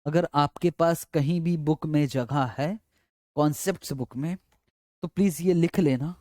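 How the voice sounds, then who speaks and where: A man's voice: a little high, measured pace, darkish tone, no room sound, clean studio sound. A male teacher giving a classroom lecture, explaining step by step and coaxing, often asking students' questions and answering them himself. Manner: repetitive, coaxing.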